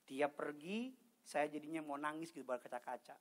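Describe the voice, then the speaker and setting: A middle-aged male pastor preaching a lively, joking sermon, acting out dialogue in loud high bursts. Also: normal speed.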